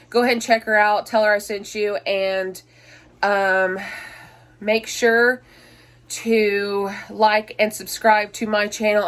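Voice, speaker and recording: Indoors in a cramped, messy house, a young mother in her 20s talks to her vlog audience in a loose, chatty way. Her speech is full of fillers and false starts, her pitch is unremarkably mid-range, and she's slightly breathless from allergies.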